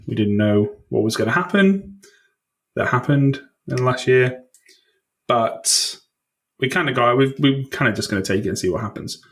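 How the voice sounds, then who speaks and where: A man being interviewed on a podcast, thoughtful and self-deprecating, with hesitant restarts. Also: mid-range voice. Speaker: podcast guest. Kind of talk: casual interview chat.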